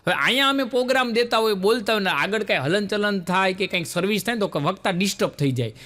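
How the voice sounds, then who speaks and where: Telling jokes to a laughing stage-show crowd, this male comedian voices the people in his stories, quoting many of them and landing punchlines that get laughter. He sounds high, bright, and forceful, speaking fast and animatedly.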